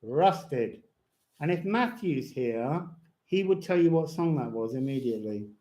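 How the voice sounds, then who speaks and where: High-pitched man with toothless, slightly slurred speech. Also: expressive, normal speed, dark tone. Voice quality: toothless, slightly slurred articulation with lips over gums. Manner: rambling, whimsical, breaks into bits of song. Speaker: live stream host and tarot reader. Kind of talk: casual live chat with tarot and astrology reading. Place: indoors at home.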